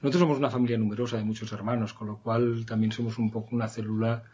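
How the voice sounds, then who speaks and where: A man's voice: on the low side, flat delivery, quick pace, dark tone, slightly rough, highs cut off. A man in his fifties from Spain, an architect guest speaking reflectively and hesitantly in an interview. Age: 50s. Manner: reflective, hesitant, many fillers and tag questions. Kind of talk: conversational interview.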